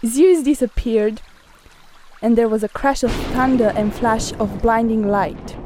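A woman narrating a folk tale in a clear, measured storybook reading. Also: fairly high pitch, fairly even intonation, noisy background.

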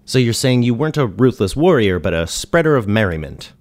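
An actor playing a dry, exasperated ghost who hosts a radio show, speaking in a deadpan, wry way. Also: male voice, medium pitch, a little fast, lightly acted. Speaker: host. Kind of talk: comedy radio sketch.

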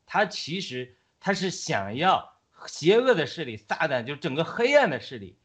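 A man's voice: a little high, sing-song, normal speed, fairly bright tone, husky. A man who is a guest on a talk show, animatedly retelling a story in casual speech with frequent fillers and restarts.

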